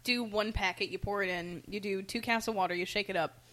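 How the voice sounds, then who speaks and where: A woman's voice: mid-range voice, fairly even intonation, fast talker, a bit bright. A young woman co-hosting a casual snack-tasting chat, making dry joking asides. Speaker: co-host reviewing snacks.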